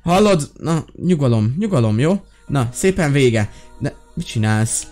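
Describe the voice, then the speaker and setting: A young man role-playing a fed-up teacher in a game, yelling, pleading and exclaiming in exasperation. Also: medium pitch, lively intonation, soft background music. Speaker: gaming YouTuber playing a teacher. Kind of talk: Minecraft role-play commentary.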